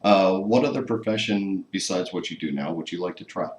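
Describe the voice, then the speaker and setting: A man's voice: sits low, brisk. A man hosting an interview, asking wry, teasing questions in a casual way. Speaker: interviewer host. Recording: echoey room with faint noise.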